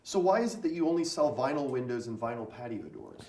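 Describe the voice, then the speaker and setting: A man's voice: medium pitch, animated, fast, vocal fry, a little mellow. A man working as an interviewer, putting prepared questions in a promotional interview.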